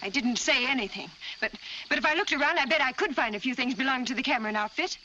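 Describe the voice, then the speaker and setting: Bright-voiced, defiant frontier woman. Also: high-pitched, fast talker. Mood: defensive. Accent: American. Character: spirited, defiant frontier woman running wagon trains. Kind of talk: 1940s western film acting. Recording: dull old film soundtrack, faint noise.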